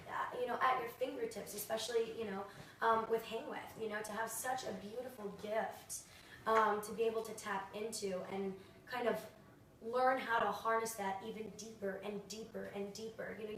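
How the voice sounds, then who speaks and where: A woman's voice: fairly high pitch, fairly even intonation, brisk, a bit bright, slight background noise. A woman acting coach chatting casually and earnestly about her craft. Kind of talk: casual chat. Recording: echoey room from far off.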